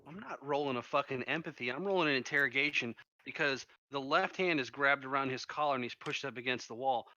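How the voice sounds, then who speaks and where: Intense man with a bright, crisp voice. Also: fairly quick. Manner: intense, low and menacing when in character. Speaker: player. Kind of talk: in-character tabletop play. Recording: muffled lo-fi mic.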